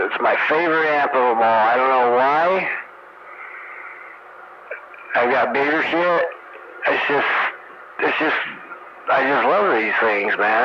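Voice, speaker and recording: A man chatting casually over CB radio, laid-back and profane, often laughing. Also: mid-range voice. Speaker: CB radio operator. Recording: muffled radio audio with loud hiss. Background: amplifier fan and static.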